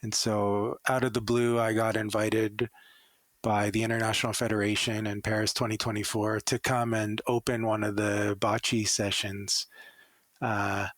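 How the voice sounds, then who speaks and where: Canadian man, low voice, dry close sound, enthusiastic storytelling interview guest. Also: a bit bright, dry recording. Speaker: guest, former Paralympic athlete. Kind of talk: interview answers.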